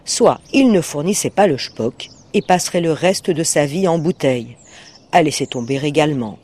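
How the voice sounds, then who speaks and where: Expressive male audiobook narrator. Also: on the high side, moderate pace. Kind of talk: audiobook reading.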